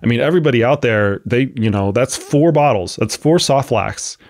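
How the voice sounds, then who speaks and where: This podcast host, a coach, has a mid-range, expressive, slightly mellow voice at a moderate pace, recorded dry and clean in a studio. He has a cold and sniffles while explaining at length in a casual expert discussion, thinking aloud and restarting often.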